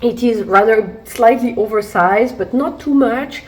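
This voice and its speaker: Speaking at an unhurried pace with a fairly high pitch, this woman is a fashion vlogger reviewing a try-on haul as her cold fades. She's chatty, with lots of fillers and restarts, and the seated camera-mic recording is rough.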